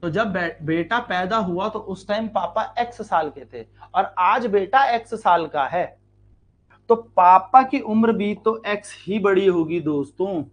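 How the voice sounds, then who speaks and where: At a measured pace, an Indian man with a fairly high voice teaches exam students maths, working through every step. He asks the class questions and answers them himself, repeating key lines and stretching words for emphasis.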